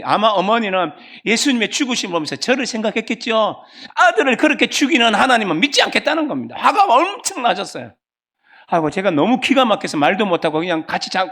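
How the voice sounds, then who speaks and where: A man in his fifties with a Gyeongsang accent, preaching a sermon as a pastor through lively storytelling and questions to the congregation. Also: sits high. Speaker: pastor and seminary professor.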